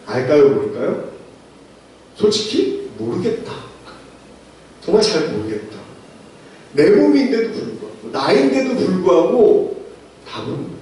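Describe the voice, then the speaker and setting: A male pastor preaches in a church sanctuary, his pitch lifting and dropping in a lively way as he fires rhetorical questions at the congregation. His voice sits a little high for a man. It comes from a distant mic with heavy room echo and faint background noise. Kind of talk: sermon. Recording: echoey church recorded from afar.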